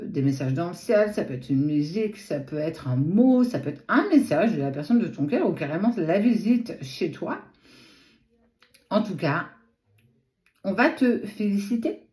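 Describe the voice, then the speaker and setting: A woman's voice: medium pitch, warm tone. Lisping woman in an echoey room. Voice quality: lisp with slushy sh-like s from a swollen tongue. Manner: direct second-person address, frequent asides. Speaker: tarot card reader and host. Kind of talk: spontaneous tarot reading to camera.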